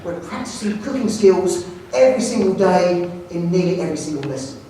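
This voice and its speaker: This headteacher is a man with a high-pitched London English voice, talking a little fast in an echoey hall far from the mic, with a little hiss or hum. Addressing a large audience, he tells jokey, animated anecdotes and pokes fun at himself.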